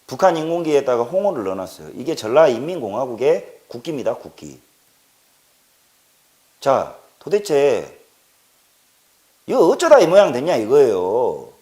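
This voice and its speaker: A man from Jeolla, South Korea, working as a political commentator, delivers a passionate political monologue. His mid-range voice is mellow and sing-song at normal speed, with frequent pauses, and he emphasizes points through repeated words and rhetorical questions.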